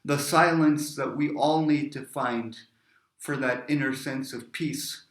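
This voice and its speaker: A man's voice: mid-range voice, steady tone, slow. A man poet giving a reflective storytelling talk, drifting into tangents. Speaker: poet and speaker. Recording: roomy echo.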